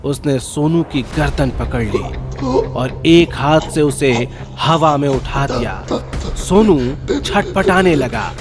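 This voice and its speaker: A man's voice: fairly high pitch, animated, slow pace. A man narrating a ghost story in a wry, jokey scripted style. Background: music.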